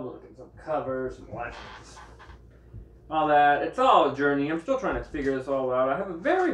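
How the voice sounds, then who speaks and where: A man's voice: a little high, distant mic. A man chatting casually in a vlog from his bedroom, rambling between topics and talking while he eats. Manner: rambling, talks while eating. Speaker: vlogger. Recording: roomy echo, a little off-mic.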